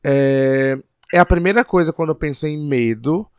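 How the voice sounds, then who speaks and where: A man's voice: on the high side, moderate pace, darkish tone, clean tone, no echo, clean studio sound. Reflective man. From Piauí, Brazil. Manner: reflective, hesitant, thinks aloud. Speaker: podcast co-host. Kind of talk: casual podcast chat.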